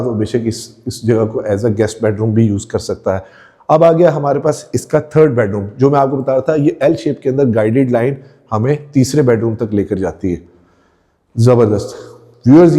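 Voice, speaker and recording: Indoors, moving from one bare room to the next, a Pakistani real estate host gives an enthusiastic house tour straight to the camera. His voice sits in the middle range with a dark tone.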